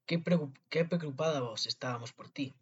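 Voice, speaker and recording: A man's voice: fairly high pitch, normal speed, breathy edge. A man voicing a caring, brave peasant father in a storybook, earnest and raised, on a dull lo-fi recording.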